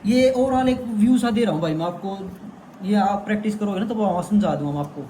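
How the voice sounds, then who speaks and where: A man's voice: sits high, quick pace, mellow, a little hiss or hum. A young man teaching an exam-prep lesson in a chatty way, often calling the viewer "brother". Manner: chatty, repeats "bhai" to the viewer. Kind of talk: casual explainer lesson.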